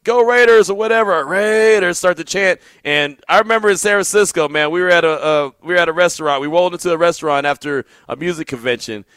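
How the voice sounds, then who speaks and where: A man's voice: a little high, fast, few pauses, fairly bright tone, smooth, no echo, studio quality. A man hosting a sports radio show, telling laid-back stories and laughing often. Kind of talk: casual storytelling on sports radio.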